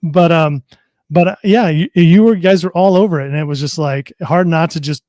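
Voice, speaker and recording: A man's voice: a little high, normal speed, darkish tone, no room sound, lo-fi sound. A man on a casual livestream, chatty and friendly, explaining gear with many fillers. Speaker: product specialist guest. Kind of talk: casual livestream chat and product demo.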